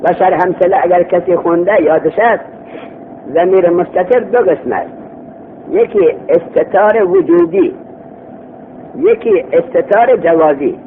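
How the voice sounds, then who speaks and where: A man with a fairly high voice gives a grammar lesson, walking through each point slowly and repeating key phrases. He keeps asking the class rhetorical questions. The recording is thin and phone-like, with faint hiss behind it. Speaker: teacher of Arabic grammar.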